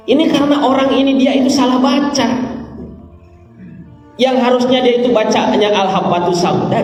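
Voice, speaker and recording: A man preaching a sermon, asking his listeners questions and reciting Arabic slowly. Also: sits high, a little mellow. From Indonesia. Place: mosque or prayer hall. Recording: echoey hall from far off, faint music.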